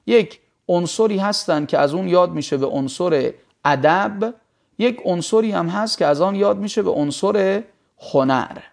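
A man teaching a grammar class in a lecture style. His voice sits high and has a rough, gravelly edge. He keeps asking his students questions and sounds out vowels one by one as he explains. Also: darkish tone.

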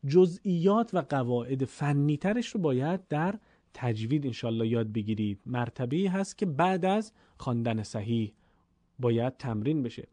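A man teaching a Quran reading lesson, explaining patiently and drawing out his recited examples slowly. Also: medium pitch, lively intonation, warm tone, no echo. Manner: slow, stretched chanted recitation of examples.

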